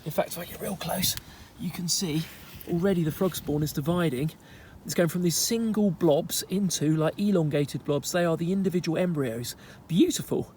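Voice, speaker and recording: Fast-talking enthusiastic nature host. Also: male voice, a little high, slight background noise. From United Kingdom. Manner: enthusiastic, chatty, often drops to a hushed near-whisper. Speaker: wildlife vlogger host. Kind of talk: live nature presenting. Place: outdoors in a garden at night.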